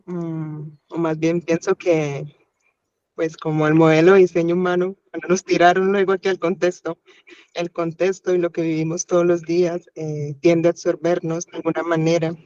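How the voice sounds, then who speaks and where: A woman's voice: fairly low pitch, warm tone, dry recording. Woman, Colombian Caribbean coast accent, thoughtful, hesitant, muffled lo-fi sound. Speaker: workshop participant. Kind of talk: sharing in a workshop.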